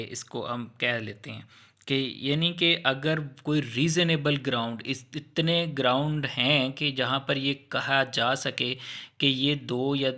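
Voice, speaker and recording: A man with a Pakistani accent and a sharp, medium-pitched voice gives an informal law lecture. He explains step by step using examples, mixing in English legal terms.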